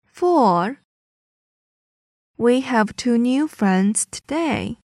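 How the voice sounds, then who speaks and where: A woman's voice: on the high side, lively intonation, very slow, darkish tone, no room sound, studio quality. A woman reading English listening-test items carefully, repeating each sentence. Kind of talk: slow, clearly enunciated test reading.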